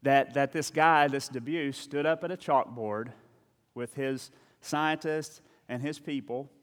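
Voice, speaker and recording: A man's voice: mid-range voice, steady tone, unhurried, big-room sound. A man preaching a sermon as a pastor, talking in a conversational, storytelling way with frequent asides and restarts.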